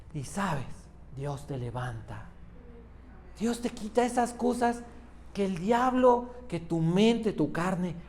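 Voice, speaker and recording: Un hombre predica un sermón con énfasis, repite frases y le hace preguntas a la congregación. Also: male voice, sits high, a little mellow, slight background noise. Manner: emphatic, repeats phrases, quizzes the congregation. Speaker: preacher. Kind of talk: sermon.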